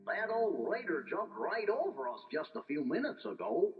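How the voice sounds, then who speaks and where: A man's voice: high voice, very animated, normal speed, distant mic, soft background music. A man voicing a good-natured, dim, easily spooked male cartoon dog with a goofy drawl in a children's storybook recording. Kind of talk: children's storybook audio narration and dialogue. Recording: muffled lo-fi toy tape.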